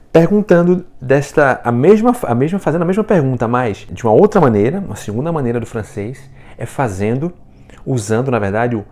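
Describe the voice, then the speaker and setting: A man's voice: mid-range voice, darkish tone. A man with a Brazilian Portuguese accent giving a casual video lesson as a French teacher, joking and laughing at his own puns and checking in with the viewer as he talks. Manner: chatty, checks in with "né?" and "tá?".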